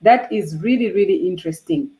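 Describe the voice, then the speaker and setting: A woman hosts an online interview with a guest, talking eagerly and repeating herself often. Her voice is mid-pitched and ordinary, and she fills her pauses with "um" and "you know". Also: warm tone, low-quality recording. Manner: eager, repetitive, many "um" fillers. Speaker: host of a STEM channel. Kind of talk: interview hosting.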